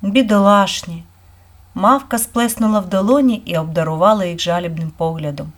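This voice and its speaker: A woman narrating a fairy-tale audiobook in a steady, even-paced reading voice. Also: lowish voice, brisk. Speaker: storyteller.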